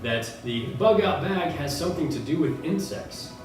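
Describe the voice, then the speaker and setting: A man playing a pompous, deadpan local TV news anchor with a mock-authoritative manner in a parody newscast. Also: a little high, moderate pace, natural voice. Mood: self-important. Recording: echoey room, distant mic, music behind.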